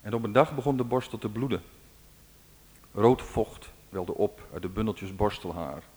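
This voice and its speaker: Low voice guy reading an old myth aloud, dramatic, big hall reverb. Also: normal speed, a little mellow. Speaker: storyteller. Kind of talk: read-aloud folk tale narration.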